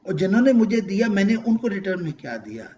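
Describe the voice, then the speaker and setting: Guy preaching a quran lecture, high voice that swings all over, kinda dull recording w faint hiss. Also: big pitch swings. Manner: emotional, swings from loud to hushed, quotes verses in Arabic. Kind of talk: religious lecture.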